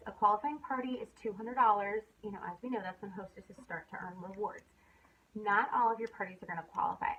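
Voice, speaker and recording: A woman's voice: medium pitch, a bit bright, slight background noise. A young woman giving a casual sales training talk, chatty and full of fillers, sometimes acting out upbeat messages. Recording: dull lo-fi recording.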